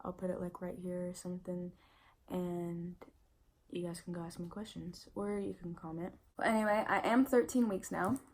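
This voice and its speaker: Young woman vlogger, pregnant and worn out, casual and candid, level monotone delivery. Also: fairly low pitch, moderate pace. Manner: chatty and candid, lots of "like" and "I mean" fillers. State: pregnant and tired, yawning. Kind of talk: casual pregnancy update vlog.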